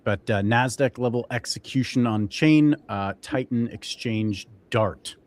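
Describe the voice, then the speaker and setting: A man's voice: medium pitch, unhurried, darkish tone, no room sound. A young man co-hosting a casual crypto show, talking loosely with many fillers and restarts. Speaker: co-host.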